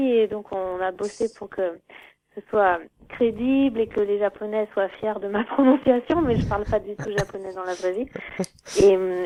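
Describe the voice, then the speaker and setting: A woman's voice: mid-range voice, lo-fi sound. Woman guest with faint background hiss. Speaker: musician guest. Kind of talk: interview answers.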